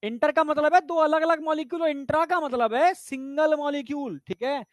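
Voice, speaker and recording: Speaking at a normal speed in a very high, fairly level voice, a man gives a chatty biology exam-prep lecture recorded dry on a lapel mic. He keeps saying "theek hai" and asks his students whether they follow.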